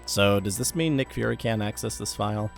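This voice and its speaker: A man's voice: fairly low pitch, a little fast, creaky, soft background music. A young man giving wry, sarcastic commentary on horror videos.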